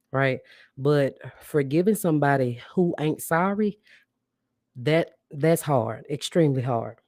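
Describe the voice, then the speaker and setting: A woman's voice: deep voice, darkish tone, dry recording, clean studio sound. A woman hosting a live podcast, talking bluntly and casually straight to her listeners and calling them sis and baby. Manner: greets viewers and asks them to interact. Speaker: podcast host. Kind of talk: live-streamed podcast monologue.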